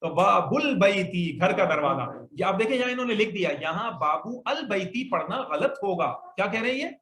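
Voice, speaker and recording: A man's voice: sits high, animated, brisk, a bit bright. A male Arabic grammar teacher who patiently explains the rules and has his students repeat words back to him. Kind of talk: classroom lesson with call-and-response drills. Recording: echoey room, faint noise.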